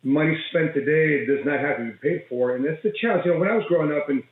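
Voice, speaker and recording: A man's voice: fairly high pitch, fast talker, very echoey. A man in his fifties, an author calling in to a radio talk show on speakerphone, earnestly explaining money habits. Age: 50s. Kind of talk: call-in radio interview. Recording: tinny, dry speakerphone line.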